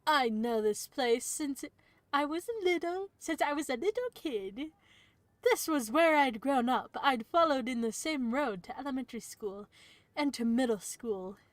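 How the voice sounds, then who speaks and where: Brief: woman streamer, high voice, dry close mic, reads a story game aloud with chatty asides. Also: animated, unhurried, dry recording. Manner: reads narration aloud, breaks off for playful asides. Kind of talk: reading a visual novel aloud on stream.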